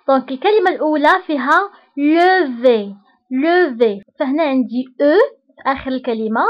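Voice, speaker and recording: A woman's voice: sits high, dull audio. A woman with a Moroccan accent teaching a lesson, patiently repeating each example word and checking that learners follow. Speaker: French teacher. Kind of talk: online lesson explanation.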